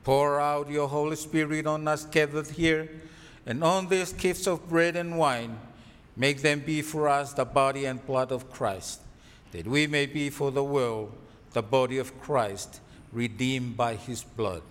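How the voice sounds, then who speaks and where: A fairly high-voiced man leads a communion liturgy in a solemn, formal way. He delivers it phrase by phrase. Long hall reverberation trails his words like a cathedral echo. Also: steady tone, a little slow. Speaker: minister leading communion. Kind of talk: liturgical recitation. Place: large reverberant church.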